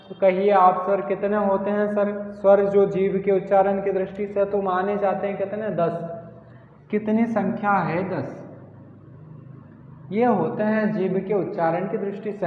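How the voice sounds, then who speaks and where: High-voiced male teacher in an echoey hall. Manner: asks questions and answers them himself, repeats key words. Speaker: Hindi grammar teacher. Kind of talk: classroom lesson. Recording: echoey hall, tinny phone-like sound.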